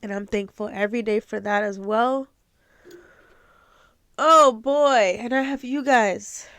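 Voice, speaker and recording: A woman's voice: fairly high pitch, slow pace, fairly bright tone, clean tone, no room sound. A young woman hosting her own podcast, talking in an earnest, emotional, motivational way, close to tears at times. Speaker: podcast host. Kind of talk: casual motivational talk.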